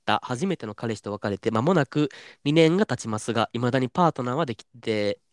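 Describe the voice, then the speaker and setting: A man's voice: mid-range voice, fairly quick, no echo. Man, Kansai accent, podcast co-host, casual chat, slightly fumbled r-sounds, dry close mic. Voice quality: stumbles on r-sounds. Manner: reads listener letters aloud, relaxed banter.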